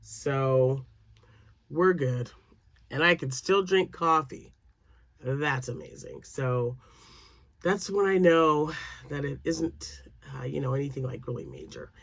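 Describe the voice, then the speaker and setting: With a bass voice, vocal fry, a slow pace, and long pauses, an older woman chats casually to camera in a dry recording. She's a crochet vlogger, a little nasal and froggy from sinus drainage. She rambles chattily, full of fillers, and laughs frequently.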